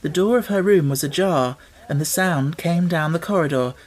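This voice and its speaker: A man with a fairly high voice narrates an audiobook, telling the story in a measured, expressive way.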